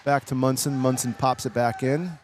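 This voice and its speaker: A man calling a hockey game live, play-by-play in a brisk, steady voice of middling pitch. He climbs higher and louder when a shot comes in, and a faint hum sits behind him. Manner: brisk, rises in pitch on big plays. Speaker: play-by-play commentator.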